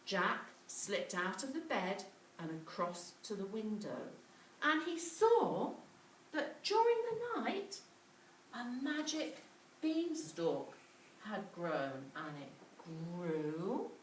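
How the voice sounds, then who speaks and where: A woman tells a children's story dramatically and interactively, repeating lines and posing questions to her listeners. Her medium-pitched voice is expressive and slow, recorded from a distance in a roomy space with faint noise.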